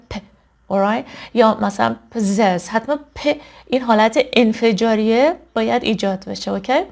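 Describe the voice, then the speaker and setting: Woman, English teacher, online vocabulary lesson, clear careful word modeling, frequent check-ins, fairly high pitch. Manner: models each word twice, slowly and carefully; explains, checking in often with "okay?" and "alright?".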